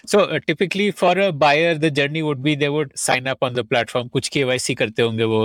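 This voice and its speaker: Male interviewer, very quick speech. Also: on the high side, fairly even intonation, no echo. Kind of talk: casual interview questioning, mixing English and Hindi.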